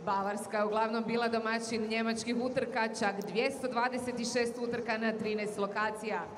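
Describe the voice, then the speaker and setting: A man's voice: very high-pitched, little pitch movement, fairly quick, noisy background. A man making a prepared announcement to an event audience over a public address system.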